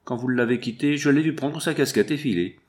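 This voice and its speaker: A man's voice: mid-range voice, a little fast, a little mellow, pitched above the performer's own voice, natural voice. A man voicing a deferential factory worker.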